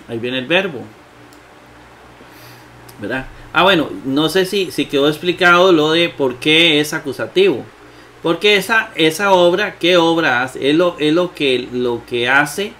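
A man teaching Greek grammar in a slow lecture, thinking aloud with many fillers and asking himself rhetorical questions. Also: on the high side, bright, forceful tone. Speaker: Bible exegesis teacher.

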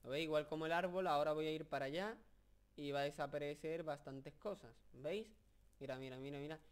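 A young man from Spain with a fairly high, smooth, clear voice talks over his video game. He rambles and jokes, keeps stopping to fill the gaps, and gets worked up over what he sees on screen. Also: a little fast. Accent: Spain Spanish. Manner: joking, rambling, excitable with many fillers. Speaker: gameplay commentator. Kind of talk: casual video game commentary.

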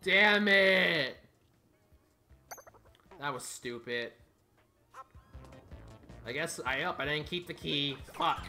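A young man doing let's play commentary, excitable, yelping and shouting at the game, cracking crude jokes and talking to the characters. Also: on the high side, slow pace, pauses often, over music. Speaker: gameplay commentator.

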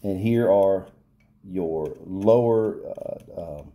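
Talking very slowly in a deep, dark voice, a repair technician demonstrates a pump fix from off camera behind his workshop bench. His casual explanation is loose and plain, with fillers and frequent restarts.

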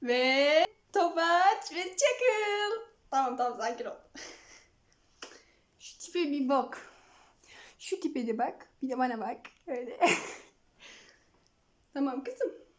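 A young woman chats casually to the camera from her home, her voice high and bright. She slips into doting baby talk with her cats, and the room around her sounds echoey. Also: lively intonation, slow, pauses often. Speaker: vlogger showing her cats. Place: at home, indoors.

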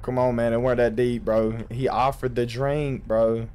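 A man's voice: mid-range voice, level tone, normal speed, a little mellow, clean tone. Young guy doing horror game commentary, slangy, jokey, medium voice. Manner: jokey, slangy, yelps when startled. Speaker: gaming YouTuber.

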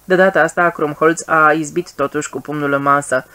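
An audiobook narrator reading a literary story in an even, measured way. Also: medium pitch.

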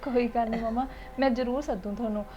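A woman's voice: a little high, fairly even intonation, fast talker, soft background music, natural voice. A woman playing a sweet young daughter-in-law. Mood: affectionate. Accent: Punjabi. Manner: soft, affectionate. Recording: dull, muffled sound.

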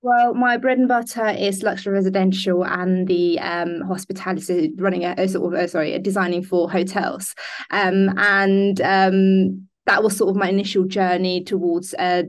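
A woman's voice: medium pitch, little pitch movement, normal speed. A young woman born in Denmark, a business founder speaking in a video call interview, hesitant with many ums and restarts. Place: indoor room. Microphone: laptop webcam on a video call.

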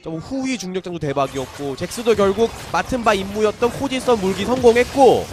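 High, animated male esports caster. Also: a little fast. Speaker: esports play-by-play commentator. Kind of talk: esports caster play-by-play commentary.

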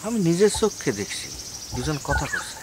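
A gossipy boastful village lad. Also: male voice, high-pitched, huge pitch swings, brisk. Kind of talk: comedy TV drama acting.

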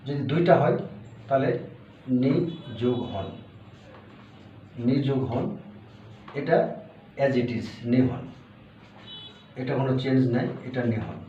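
A man's voice: mid-range voice, slow, long pauses, warm tone. A man teaching a language lesson, patiently repeating each word and explaining step by step. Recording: roomy, distant, dull lo-fi audio with faint hiss.

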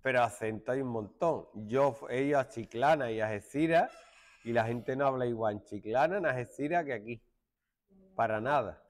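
A middle-aged man from Málaga with an Andalusian accent, teaching a joking classroom lesson and hushing his students. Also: medium pitch, moderate pace. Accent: Andalusian Spanish. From Málaga, Spain. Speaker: secondary school teacher.

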